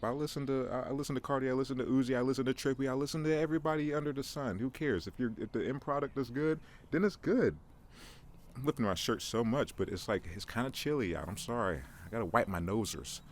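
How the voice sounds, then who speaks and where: A man hosting a casual podcast outdoors in the cold, rambling in an animated way with many stumbling restarts. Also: fairly low pitch. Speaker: podcast host.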